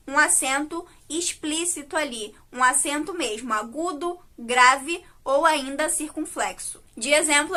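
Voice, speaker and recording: A woman's voice: high voice, sharp tone. A Brazilian Portuguese-speaking woman teacher giving a recorded video lesson, explaining patiently and checking in with frequent tag questions.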